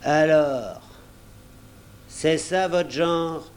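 A man playing a crafty old one-legged pirate cook in a storybook reading, pitched high above a plain reading voice. He blusters and threatens in coarse sailor's talk, loud and domineering. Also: very slow, slight background noise. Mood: scornful.

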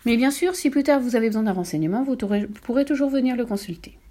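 A prim storybook librarian, polite and brisk, with a raised, mellow voice, as a woman reader does her. She keeps her words firm and courteous. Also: fairly high pitch, a little hiss or hum, pitched above the performer's own voice, lightly acted.

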